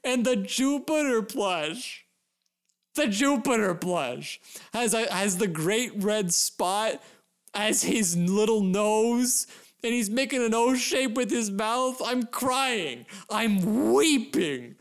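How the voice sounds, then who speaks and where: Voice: mid-range voice, slow, smooth. A podcast host giving comedic science commentary, swinging between sarcastic asides and theatrical, gushing overexcitement.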